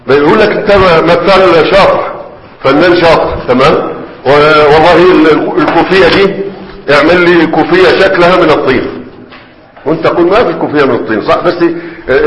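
A man with an Egyptian Arabic accent teaching grammar in a conversational classroom lecture, often checking in with his students. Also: fairly high pitch. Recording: echoey hall, faint background noise.

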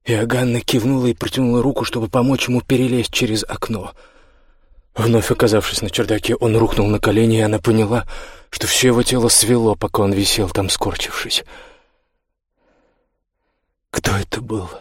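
Brief: male audiobook narrator, low, husky, dry studio sound. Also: flat delivery, a little fast, no room sound. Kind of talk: scripted narration.

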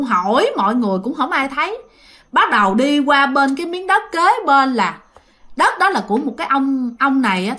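A woman's voice: on the high side, fairly bright tone. A woman with a Southern Vietnamese accent, chatting casually as she tells a ghost story to her listeners. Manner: chatty, addresses listeners directly.

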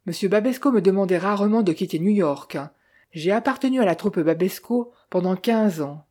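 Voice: mid-range voice, normal speed, warm tone, natural voice. A narrator reading the lines of a proud aging stage actress who boasts about her glory days in a storybook reading. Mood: reminiscing. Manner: boastful, genteel.

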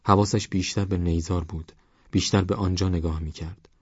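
Male audiobook narrator, very low and husky, steady reading, dull lo-fi recording. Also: dry recording. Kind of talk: scripted novel narration. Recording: dull lo-fi audiobook with faint music. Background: faint background music.

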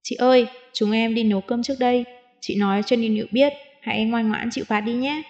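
A woman reads the part of a playful young man who teases and coaxes in a mellow, low-key tone. The sound is a bit dull and lo-fi, like an audiobook. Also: fairly even intonation, fast, close to an everyday voice. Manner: teasing, coaxing.

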